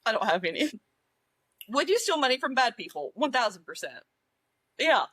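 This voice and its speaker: A young woman chats casually as a podcast co-host, giggling between thoughts and leaning on filler words. Her voice sits a bit high and swings widely in pitch. The sound is dry and close. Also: sing-song, normal speed, fairly bright tone, slightly rough, no echo. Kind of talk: casual chat.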